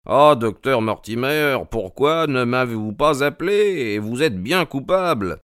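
Man doing an eager, exacting detective for an audiobook: brighter and higher than the narrator, probing, crisp, dry sound. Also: dry recording. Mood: intrigued. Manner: quick, questioning, excited interjections. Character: keen, probing male detective, eager and precise. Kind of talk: audiobook character reading.

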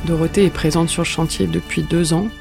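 A man's voice: fairly high pitch, flat delivery, brisk, gravelly, over music. Man narrating a radio documentary. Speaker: reporter narrator. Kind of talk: scripted narration.

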